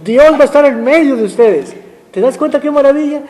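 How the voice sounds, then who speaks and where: A man preaching a sermon as pastor, emphatic and full of rhetorical questions, slowing down to read scripture. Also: very high-pitched, lively intonation, darkish tone, long reverb tail. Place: church sanctuary.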